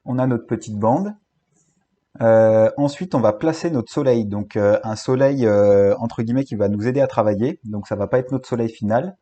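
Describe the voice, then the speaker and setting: A man with a French accent giving a screen-recorded software tutorial, talking hesitantly with many fillers and restarts. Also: medium pitch, moderate pace.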